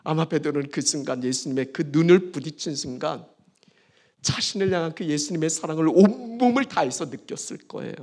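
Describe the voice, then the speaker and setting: Gravelly, animated male preacher. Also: fairly high pitch. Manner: emphatic, dramatic pauses, swings between soft and loud. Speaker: pastor. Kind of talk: sermon. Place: church service.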